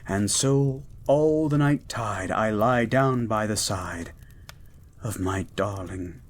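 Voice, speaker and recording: Man voicing Beast, a low, hushed romantic gentleman. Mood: tender, mournful. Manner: hushed, slow, formal, ardent. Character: Beast, gentle learned blue mutant, devoted romantic lover. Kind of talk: romantic poetry reading and intimate audio roleplay.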